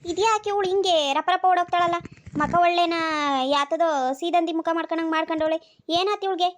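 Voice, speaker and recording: Cartoon old village granny, voiced by a performer, nagging, squeaky high voice. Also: fairly even intonation, brisk, a little hiss or hum. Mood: grumbling. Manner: scolding, grumbling to herself. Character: nagging old village grandmother, scolding and suspicious. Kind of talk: cartoon voice acting.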